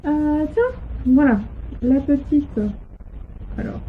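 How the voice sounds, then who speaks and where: A woman's voice: very animated, slow pace, a little hiss or hum. Hesitant woman, tinny audio. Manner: hesitant, full of "euh" and restarts. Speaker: knitting and crochet podcaster. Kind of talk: casual show-and-tell chat. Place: home, on a sofa. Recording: tinny low-quality home audio.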